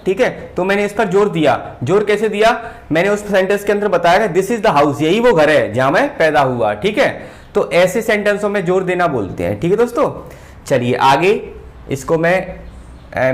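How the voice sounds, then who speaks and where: A male teacher giving a whiteboard grammar lesson, pausing and repeating words as he writes. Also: high-pitched. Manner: slow, repeats words while writing, often says "ठीक है".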